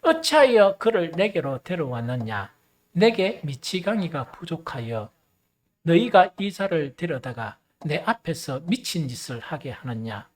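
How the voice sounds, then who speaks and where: A man's voice: on the high side, big pitch swings, measured pace. A man voicing a scornful, angry king as he retells a story in a sermon, scolding and indignant.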